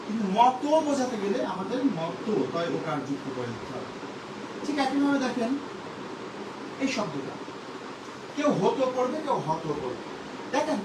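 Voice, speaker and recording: Man, grammar teacher, very high husky voice, lively intonation, patient repeated examples. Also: noisy background. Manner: explains patiently, repeating example sentences slowly. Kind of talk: spelling lesson for exam preparation.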